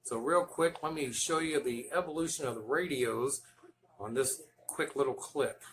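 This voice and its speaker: Speaking at a normal speed, a man with a medium-pitched, slightly bright voice hosts a hobby video. He tells stories casually and folksily, vlog-style, and background noise comes through clearly.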